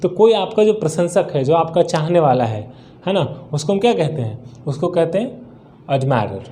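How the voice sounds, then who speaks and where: A man's voice: on the high side, expressive, moderate pace, warm tone. A man teaching a spoken English lesson, repeating each word in drills and answering his own questions.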